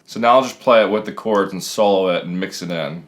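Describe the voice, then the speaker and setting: A man's voice: sits low, fairly quick. A man in his thirties talking casually and explaining step by step as a music production tutor, recorded in a small home room.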